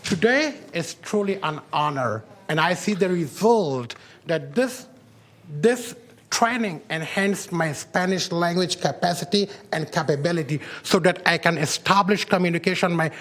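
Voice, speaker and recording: This is a man with a high, bright-toned voice, speaking at a podium microphone in a meeting chamber. He delivers earnest, upbeat public remarks, correcting himself as he goes. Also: animated, normal speed. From Afghanistan. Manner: earnest and upbeat, with self-corrections and translated asides. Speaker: parent program graduate addressing a commission. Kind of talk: public remarks in mixed Spanish and English.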